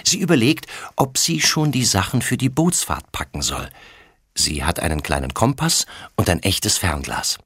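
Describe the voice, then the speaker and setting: A man narrating a children's storybook as an audiobook reader, with an expressive storytelling melody. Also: sits low, moderate pace, slightly rough, no room sound, studio quality.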